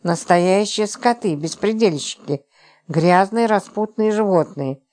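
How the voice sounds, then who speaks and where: A woman reading the part of an exasperated, sarcastic man who hides out in a stranger's flat, prone to angry outbursts. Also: medium pitch, a little slow, close to an everyday voice. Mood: raging. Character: exasperated sarcastic man, a company boss hiding out.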